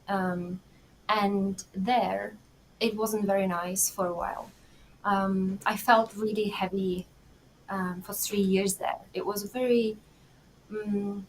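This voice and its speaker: A woman's voice: mid-range voice, slight background noise, rough recording. Giggly woman with a Czech accent. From Czech Republic. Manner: warm, giggly, many pauses and fillers. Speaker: guest. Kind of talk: casual interview talk.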